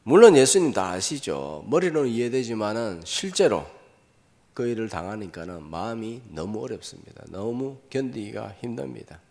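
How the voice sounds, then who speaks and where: A man preaches a sermon in a church, his low voice rough with gravel. He swings widely in pitch and breaks into loud, dramatic bursts to act out the figures he quotes. He keeps turning to the congregation with short, prodding questions. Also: expressive, normal speed. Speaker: pastor. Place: church sanctuary.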